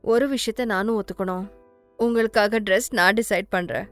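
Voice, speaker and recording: A woman's voice: medium pitch, steady tone, normal speed, faint music behind, lightly acted. Woman voicing a caring young sister-in-law. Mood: reassuring. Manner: warm, reassuring.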